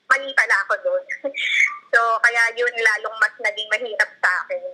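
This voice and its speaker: A woman in her thirties from the Philippines chats casually about her past tutoring work. Her voice is very bright and sits a little high, and she talks hesitantly, reaching for words with many fillers and short laughs. The sound comes through thin, like a phone line. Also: normal speed. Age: 30s. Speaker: guest, former tutor. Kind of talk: casual conversation.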